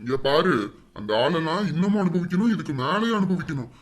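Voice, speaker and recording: A gruff, grudge-holding father, acted out by a performer, mid-pitched and talking quickly. He refuses flatly and argues back hard in a comic family skit. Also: natural voice. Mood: stubborn. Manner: stubborn, gruff.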